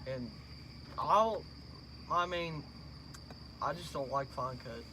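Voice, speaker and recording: A man's voice: on the high side, takes it slowly. Young man reviewing dip, noisy recording. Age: early 20s. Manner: talking with chewing tobacco in the lip; blunt, emphatic, opinionated. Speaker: amateur product reviewer. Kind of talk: casual chat, profane. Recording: noisy amateur recording, insect-like ambience.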